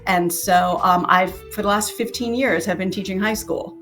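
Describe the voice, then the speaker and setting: An American woman from Connecticut, around forty and in her thirties or forties, appears as an interview guest on a video call; she is an author and teacher, casually recounting her own story. Her voice is medium-pitched and fairly bright, with fairly even intonation at a moderate pace, and faint music plays behind her.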